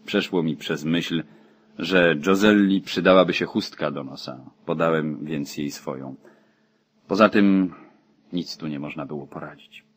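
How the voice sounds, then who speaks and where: A man reading a novel aloud as an audiobook narrator, in a steady, even way. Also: a bass voice, measured pace, breathy edge. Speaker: audiobook reader.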